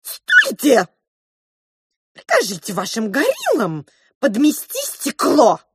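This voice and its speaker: A woman reading an audiobook and voicing a stern, commanding pink mouse who shouts orders. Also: fairly high pitch, sing-song, takes it slowly, slightly rough, no room sound, studio quality, voice pushed up, full character voice.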